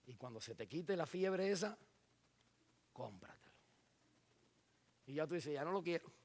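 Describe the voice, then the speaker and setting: A man preaching a sermon in a church, acting out scenes with sudden shouts and dropping in English words. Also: on the high side, lively intonation, measured pace. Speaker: pastor.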